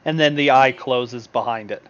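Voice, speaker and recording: A man's voice: medium pitch, normal speed, slight background noise. A man narrating a tabletop game as game master, in a loose, improvised way with many fillers. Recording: dull lo-fi mic.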